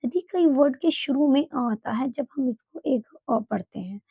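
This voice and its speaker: Woman English teacher, high and slightly husky voice, patient step-by-step explainer who repeats each example word, dull dry lo-fi recording. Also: lively intonation, no echo. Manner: explains slowly, repeating example words and asking "clear?". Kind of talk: spoken English lesson.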